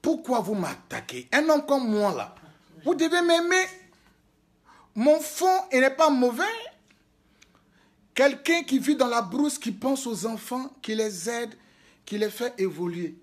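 A man talks into a handheld phone in a hotel room. His voice sits notably high for a man. He tells his stories in a lively, exclaiming way, breaking into laughter. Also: unhurried, long pauses. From Côte d'Ivoire. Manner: animated storytelling, laughing and exclaiming. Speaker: prophet and spiritual guide. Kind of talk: casual video diary.

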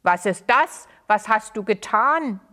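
A woman reading a children's story, voicing a spiteful, triumphant old male sorcerer who speaks loudly and gloats. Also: sits high, expressive, measured pace, creaky, full character voice. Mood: harsh. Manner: loud and gloating.

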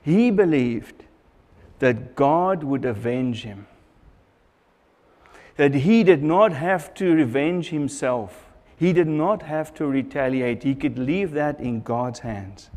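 A man's voice: a little high, expressive, slow, darkish tone, long reverb tail. A middle-aged man preaching a sermon at a church pulpit, earnest and repeating phrases for emphasis, on a lapel mic. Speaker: pastor.

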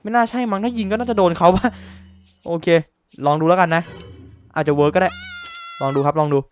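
A man giving excitable live gameplay commentary, a little drowsy from just waking up, often repeating his exclamations. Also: high voice, a little fast.

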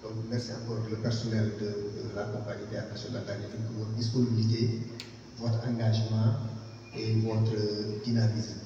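A man giving a formal thank-you speech at an exhibition opening, halting with many fillers and restarts. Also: on the low side, flat delivery. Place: large hall at an art gallery. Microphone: far camera. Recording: echoey hall from far off, dull, noisy.

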